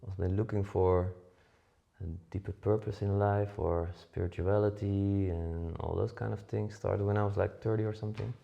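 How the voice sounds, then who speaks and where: A man's voice: lowish voice, fairly even intonation, moderate pace, gravelly, dark tone, lo-fi sound. A Dutch man in his forties co-hosting a podcast, chatting casually with many fillers and restarts. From Netherlands. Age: 40s. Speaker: podcast co-host. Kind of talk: casual chat.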